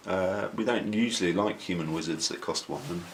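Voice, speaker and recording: A man's voice: deep voice, brisk, slight background noise. A man casually chatting through card reviews, joking and slipping into silly voices. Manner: jokey, breaks into silly put-on voices. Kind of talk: casual chat.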